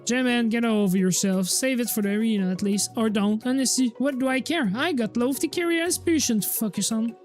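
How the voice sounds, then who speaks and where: A woman's voice: fairly high pitch, fairly quick, few pauses, a little mellow, faint music behind, lightly acted. A woman doing a bored, scornful student.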